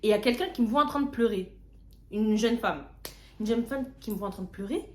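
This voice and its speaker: A young woman vlogger casually telling a story, slangy and lively, often repeating words. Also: a little high, fast talker. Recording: roomy echo.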